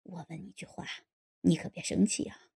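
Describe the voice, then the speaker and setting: A woman's voice: moderate pace, exaggerated voice. A woman voicing a sly, lecherous man in his late sixties in an audiobook, coaxing and insinuating. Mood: hushed leering. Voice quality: low gravelly voice. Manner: coaxing, insinuating, sometimes hushed. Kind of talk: audiobook character voice.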